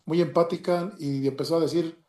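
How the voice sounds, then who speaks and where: A man with a Mexican Spanish accent tells a personal story in a halting way, with many restarts and retold dialogue. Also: on the high side, steady tone, darkish tone. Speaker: storyteller giving a personal testimony. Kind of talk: emotional personal story, casual. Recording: roomy echo.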